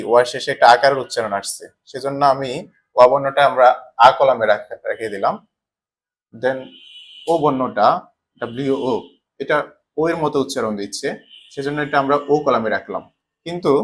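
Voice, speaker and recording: Male teacher, mid pitch, patient stepwise explanation with rhetorical questions. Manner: asks questions and answers them himself, repeats patterns. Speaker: Japanese language teacher. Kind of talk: explaining a lesson step by step.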